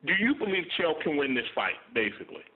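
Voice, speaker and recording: A man working as a reporter, asking questions haltingly on a press conference call over the phone. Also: on the high side, sing-song, narrow, tinny audio.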